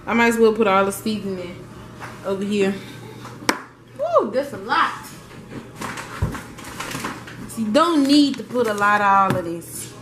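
A woman's voice: a little high, background noise. A woman vlogging as she cooks, chatting casually and straight to her viewers. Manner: chatty, talks straight to viewers while cooking. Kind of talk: casual cooking vlog. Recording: loud music behind her voice. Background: music.

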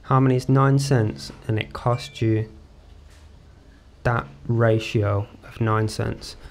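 A man's voice: mid-range voice, fairly even intonation, slow. A man hosting a casual screen-share tutorial, chatty and rambling, with many ums and restarts. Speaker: crypto tutorial host.

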